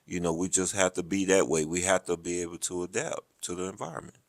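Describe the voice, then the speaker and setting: A man in his thirties from the American South with a Southern drawl, talking slowly and evenly in a casual interview. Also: no room sound. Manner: slow, deep, even delivery. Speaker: Army noncommissioned officer, guest.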